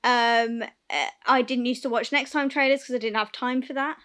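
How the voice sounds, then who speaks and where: A young woman chats casually on a podcast, her voice high and ringing with brightness. She tells stories with lots of animation, acting out the scenes as she goes. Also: fairly even intonation, moderate pace, clean tone. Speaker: podcast co-host. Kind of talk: casual chat.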